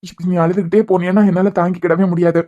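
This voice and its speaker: A woman's voice: fairly low pitch, flat delivery, quick pace, warm tone, muffled recording, close to an everyday voice. A woman voicing a caring adult elder brother in a cartoon series, speaking in a soothing, tender way with a Kanyakumari Tamil accent. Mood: reassuring. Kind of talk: cartoon web series voice acting.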